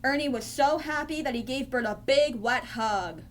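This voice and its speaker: A woman reading a children's storybook aloud in a slow, clear storytelling manner. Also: high voice, noisy background. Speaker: storybook reader.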